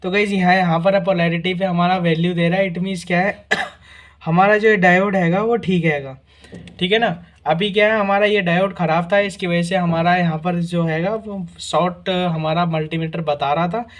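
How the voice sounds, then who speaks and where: At normal speed, with a high, steady voice, a man leads a casual hands-on repair demo. He covers the tests one by one and regularly checks in with "guys" and "theek hai na."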